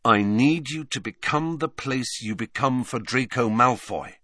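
A man's voice: mid-range voice, a little slow, pushed and bright, no echo, studio quality, voice pushed up. A man voicing a frustrated teenage boy who mutters unsure replies. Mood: muttering.

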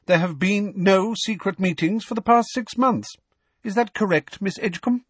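A man's voice: high-pitched, normal speed, fairly bright tone, no echo, voice pushed up. A man voicing a stern older woman teacher who speaks harshly and coldly. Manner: crisp and harsh.

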